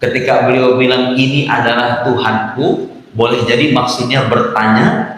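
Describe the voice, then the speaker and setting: A man's voice: mid-range voice, steady tone, moderate pace, fairly bright tone. A male Islamic preacher giving a conversational sermon to a congregation. He acts out quoted dialogue as he tells stories and speaks directly to his listeners. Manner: conversational, addresses the audience directly. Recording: echoey hall with long reverb.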